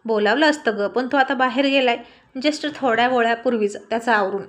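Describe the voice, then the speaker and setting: A woman voicing a calm middle-aged mother who lectures her daughter. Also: a little high, a little fast, natural voice.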